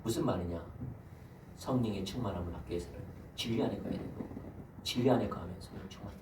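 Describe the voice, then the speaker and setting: This senior pastor's Sunday sermon, full of rhetorical questions for his congregation, is caught by a far-off mic in an echoing church hall. He speaks quickly in a fairly low voice, with background noise present.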